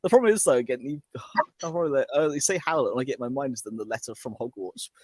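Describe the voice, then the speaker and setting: A man co-hosting a podcast in casual chat, animated and quick to act out characters, swearing casually. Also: medium pitch, breathy edge, dry recording. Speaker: podcast co-host.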